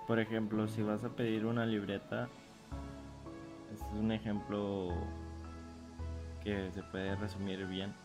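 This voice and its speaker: A man in a class presentation, plainly giving examples. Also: lowish voice. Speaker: student presenter.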